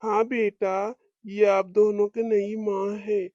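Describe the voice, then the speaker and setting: A kindly cartoon father coaxes and soothes his family in a mellow, soft voice, as a woman acts him out. His tone is patient and reassuring. The recording is dull, dry and a little muffled. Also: medium pitch, little pitch movement, slow pace, no room sound, natural voice. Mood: coaxing. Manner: soothing, coaxing. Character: gentle father of two, soothing.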